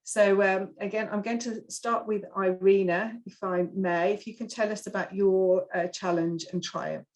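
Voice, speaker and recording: Woman chairing a panel, mid-pitched, kind of halting as she hands over. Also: steady tone, a little mellow. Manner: halting, hesitant phrasing. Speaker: panel host. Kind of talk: informal event hosting.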